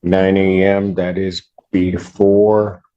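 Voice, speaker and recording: Deep, mellow-voiced male judge. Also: flat delivery, takes it slowly, dull audio. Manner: procedural, questioning. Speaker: judge presiding over a court hearing. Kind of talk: formal courtroom proceedings.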